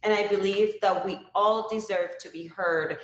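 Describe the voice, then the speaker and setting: A woman from Cuba hosts a live-stream talk show, chatty and upbeat, repeatedly saying "okay" to her viewers as she checks in. Her mid-range voice has fairly even intonation and a normal speed. The recording sounds muffled and echoey.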